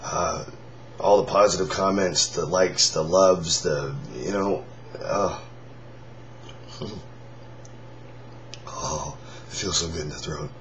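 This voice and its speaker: Having lost his voice, this weary vlogger and band singer pushes out a hoarse, whispery croak through a strained throat. His pitch is low, his intonation fairly even, and his tone a bit bright. He rambles haltingly to his viewers on a dull, lo-fi recording with faint noise.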